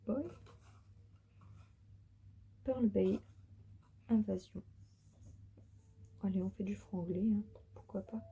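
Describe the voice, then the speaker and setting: A tired woman whispering softly through a casual beauty unboxing vlog from the floor of her bedroom. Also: mid-range voice, slow pace, vocal fry, long pauses, breathy edge, highs cut off. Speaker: beauty vlogger.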